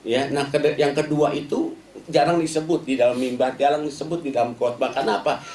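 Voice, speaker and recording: A man's voice: mid-range voice, fairly even intonation, a little fast, darkish tone, reverberant. A male pastor preaching a Sunday sermon in a conversational way, often addressing the congregation directly. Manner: conversational preaching, many filler "ya" and "saudara". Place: church service.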